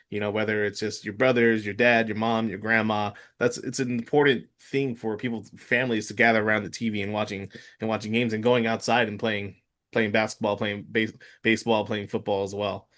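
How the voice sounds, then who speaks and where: A sports podcast host, a man of about thirty-five, keeps the interview talk loose and halting, restarting often and leaning on fillers. The voice sits on the low side, steady and a bit bright.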